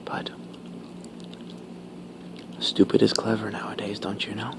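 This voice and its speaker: A man whispering casual ASMR talk while chewing gum, pausing between short, halting phrases. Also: on the low side, monotone, gravelly, background noise. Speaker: ASMR video creator.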